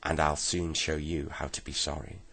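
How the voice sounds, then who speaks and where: Storybook old woman, fierce and scolding, gravelly low voice raised up, as a male reader puts her on. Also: flat delivery, moderate pace, a bit bright, heavily acted. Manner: scolding and shrill. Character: fierce bossy old woman who lives in a shoe.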